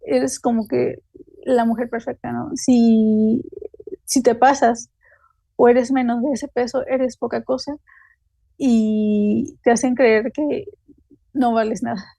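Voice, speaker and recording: This seminar speaker, a woman with a Mexican Spanish accent, has a warm, gravelly voice on the high side and a level tone, captured in a dry recording. She loosely reads an academic talk, halting and full of fillers like "eh" and "este."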